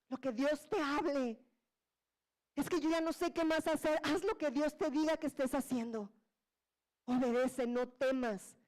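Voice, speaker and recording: A woman preaching a sermon, her voice pitched high. She tells the story in a lively, joking, everyday way and acts out what the people in it say. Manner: colloquial and humorous.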